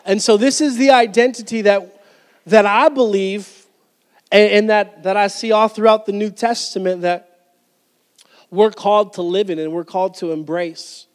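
A pastor in his thirties preaches on the stage of a medium-sized indoor church hall, speaking into a handheld mic. His high voice holds a steady tone at normal speed, and his delivery is emphatic, full of restarts and accompanied by gestures. The hall adds a long reverb.

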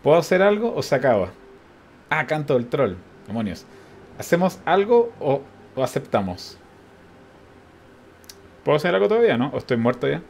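A man with a Chilean accent giving casual gameplay commentary as a streamer, thinking aloud, counting out loud and chuckling often. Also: a little high, sing-song, normal speed, vocal fry, long pauses, a little hiss or hum.

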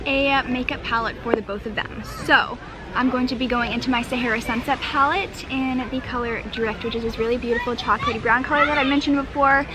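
A young woman walks through a makeup tutorial in a bubbly, chatty way. Her voice sits a little high. She is filmed close up on a camera at an outdoor picnic table, with clear outdoor noise and passing vehicles behind her. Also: steady tone, a little fast. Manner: bubbly, chatty, lots of "super" and "fantastic". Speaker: beauty vlogger. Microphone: handheld camera close up.

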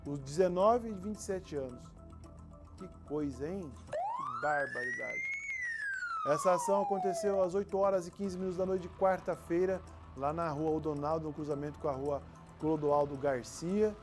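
A man's voice: a little high, big pitch swings, moderate pace, loud music behind the voice. A man in his forties with a Brazilian accent presenting local TV news in an emphatic, colloquial, theatrical way. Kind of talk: informal, opinionated news presenting. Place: TV studio. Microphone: lapel mic.

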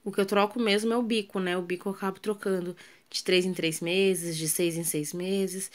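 With a lowish, steady voice at a moderate pace, a Brazilian Portuguese-accented woman talks viewers through her kitchen cleaning. She's a home vlogger and mom who chats casually, poses questions to her audience and lets sentences trail into fillers.

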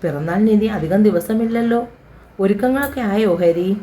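A woman voicing a gentle, fatherly retired uncle in an audio story, softly apologetic and fond. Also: high-pitched, expressive, normal speed. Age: older.

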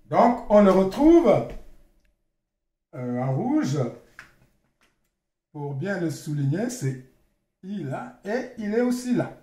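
A man with a high, lively voice leads a slow language lesson. He repeats each word and spells it out carefully, and the room around him gives off a clear echo. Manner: repeats words slowly, spells them out. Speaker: language teacher.

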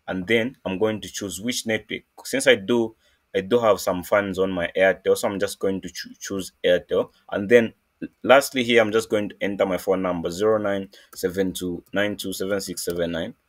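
A man from Zambia hosting a casual screen-recorded coding tutorial, talking in a halting way with many fillers and restarts. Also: fairly low pitch. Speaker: programming tutorial host.

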